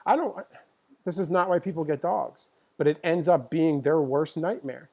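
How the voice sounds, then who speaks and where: A man's voice: a little high, normal speed, dull audio. A man who works as a dog trainer, talking to viewers on a live stream with passion and emphasis, often repeating his points. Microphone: computer mic for a live stream.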